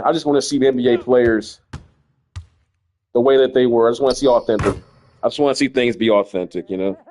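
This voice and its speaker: A man's voice: medium pitch, darkish tone. Laid-back man rambling over gameplay. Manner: laid-back, rambling, repeats words as he thinks. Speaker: gaming streamer. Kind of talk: casual gameplay commentary.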